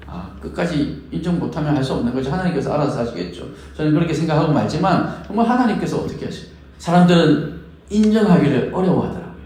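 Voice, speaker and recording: Pastor preaching in an echoey church. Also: male voice, fairly high pitch, darkish tone. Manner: acts out quoted prayers, questions the congregation. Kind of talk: sermon. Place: church sanctuary.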